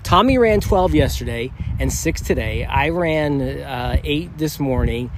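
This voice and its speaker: A middle-aged man in easy, casual podcast chat. He laughs often and keeps things relaxed. His voice sits at an ordinary middle pitch. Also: measured pace, background noise. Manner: easygoing, laughs often, reads aloud flatly. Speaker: podcast co-host.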